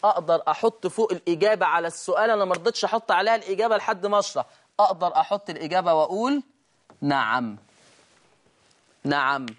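A man with an Egyptian accent teaching a Quran recitation lesson. He keeps asking his students whether they follow, and he slows down to chant verses as examples. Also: on the high side, a bit bright. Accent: Egyptian Arabic. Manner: repeatedly asks "right?" to check understanding. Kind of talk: online tajweed lesson.

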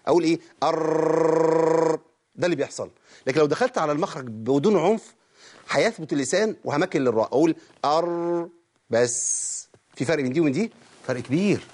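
Fast-talking Egyptian man teaching Quran recitation. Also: on the high side, a little mellow. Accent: Egyptian Arabic. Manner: asks questions and answers them himself, demonstrates sounds. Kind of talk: lecture on recitation.

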